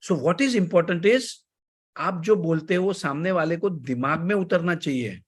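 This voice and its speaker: A man coaching an online class in Hindi mixed with English, with an Indian accent, who deliberately varies his pace and loudness and pauses after key points. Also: on the high side, husky.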